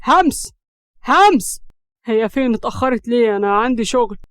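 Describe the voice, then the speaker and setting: A woman's voice: fairly high pitch, fast talker, smooth, dry recording, studio quality, natural voice. Woman voicing an angry young Egyptian man. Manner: sharp, sarcastic, shouting in anger. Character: hot-tempered young man, heir of a palace.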